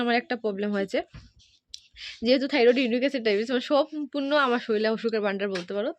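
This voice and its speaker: Quick, soft-spoken woman vlogging outdoors. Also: on the high side, a little hiss or hum. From India. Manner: speaks softly while passing neighbours' yards. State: tired and hungry from walking. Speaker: village lifestyle vlogger. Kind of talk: casual vlog narration while walking. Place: outdoors on village paths and fields, then at home. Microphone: handheld phone camera.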